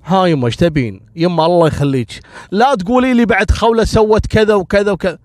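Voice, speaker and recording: A man's voice: high voice, fast talker, a little mellow, no room sound, pitched above the performer's own voice, natural voice. Man doing a curt, dismissive grown son.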